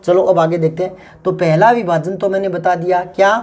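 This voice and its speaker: A man's voice: high-pitched, steady tone, moderate pace, a little mellow. Man, teacher, patient classroom explaining, repeats terms, rhetorical questions. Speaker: Hindi grammar teacher. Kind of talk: exam-prep classroom lesson.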